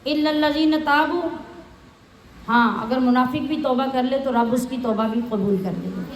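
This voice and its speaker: A woman's voice: high voice, moderate pace, slight background noise. A woman teaching the Quran, reciting Arabic phrases and explaining each one in plain words, often asking her listeners questions. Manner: asks the listeners rhetorical questions. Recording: echoey room.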